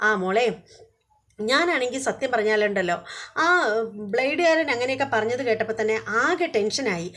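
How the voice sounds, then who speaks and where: A woman's voice: on the high side, animated, normal speed, pauses often, a bit bright. A woman voicing a scheming, status-proud middle-aged mother who talks in a coaxing, scornful way.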